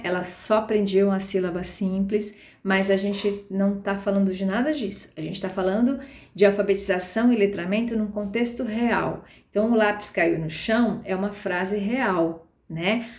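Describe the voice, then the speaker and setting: Patient woman lecturing in an echoey room. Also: mid-range voice. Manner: patient, explains step by step, frequent tag questions. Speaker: literacy teacher trainer. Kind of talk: explanatory lecture.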